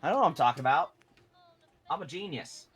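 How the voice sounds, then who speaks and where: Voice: medium pitch, expressive, fast talker, slightly rough, faint music behind. A friend on a game stream giving advice and cracking jokes in casual chat. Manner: joking, gives game advice.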